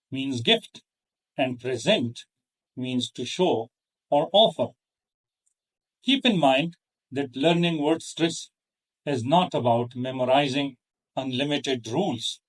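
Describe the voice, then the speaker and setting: A man hosting an English pronunciation lesson, speaking in a careful, measured way with pauses between phrases. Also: mid-range voice, recorded from a distance. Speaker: host, English teacher. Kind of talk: slow deliberate lesson.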